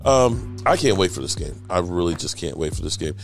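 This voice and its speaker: A man's voice: sits low, lively intonation, fairly quick, vocal fry, over music. A man hosting a casual sports podcast, joking around and swearing freely. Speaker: podcast host. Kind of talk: casual chat.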